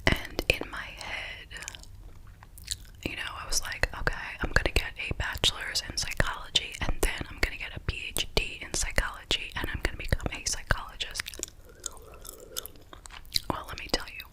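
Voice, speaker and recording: A woman whispers in a soft, breathy ASMR style. She chats casually and rambles like a host answering viewers, with tingly gum-chewing mouth sounds between and under her words. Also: normal speed, low-quality recording.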